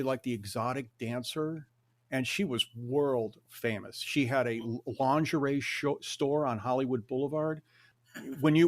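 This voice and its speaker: Animated older man telling stories. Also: medium pitch. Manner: animated, acts out quotes, swears. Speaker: guest storyteller. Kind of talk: conversational storytelling.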